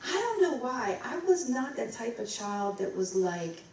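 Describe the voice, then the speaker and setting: A middle-aged vocalist from Maryland, USA, gives a casual onstage interview in a recital hall, rambling through her story and singing and scatting fragments of melodies. Her fairly high, slightly mellow voice is very animated but measured in pace. A distant mic in the roomy hall picks up slight background noise.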